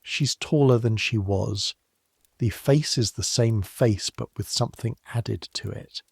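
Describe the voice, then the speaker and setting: A man with a low, gravelly voice tells a history story meant for falling asleep, speaking straight to the listener in a measured, softly grave way. The sound is dry and close, with no room around it. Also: no echo. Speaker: narrator. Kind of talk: calm second-person history narration for sleep.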